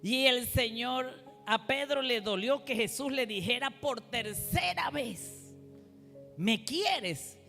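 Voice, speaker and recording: Her voice sits on the high side, slightly bright, with lively intonation and a slow pace. She preaches call-and-response style in a church hall, the congregation repeating her phrases amid echo and faint music.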